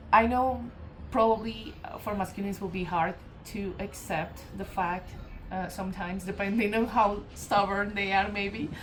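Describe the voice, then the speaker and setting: A tarot reader from Colombia, speaking in a mid-range voice with a Colombian Spanish accent, meanders through a casual channeled reading. Along the way come fillers, self-corrections, and quiet laughs. The audio quality is poor.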